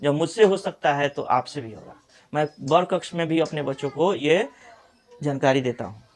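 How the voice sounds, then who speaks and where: A middle-aged man with a Bihari Hindi accent teaching pronunciation, saying example words slowly one at a time. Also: fairly high pitch. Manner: slow, deliberate, repeats example words one by one. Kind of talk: pronunciation lesson.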